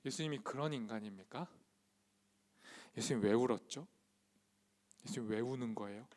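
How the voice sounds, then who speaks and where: A man's voice: medium pitch, moderate pace, a little mellow. A man preaching a sermon to a youth congregation, emphatic and full of rhetorical questions put to the listeners. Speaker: youth pastor.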